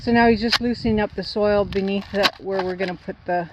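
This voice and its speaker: A middle-aged woman, explaining her tree planting in a halting way with many fillers. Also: medium pitch, fairly even intonation, muffled recording, heavy background noise. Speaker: homesteader showing her garden. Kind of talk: casual explaining to camera. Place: outdoors by a driveway.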